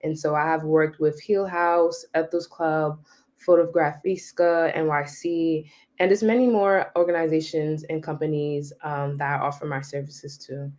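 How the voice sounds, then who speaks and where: A woman who works as a wellness facilitator, introducing herself on a panel in a calm, steady way. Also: low-pitched, moderate pace.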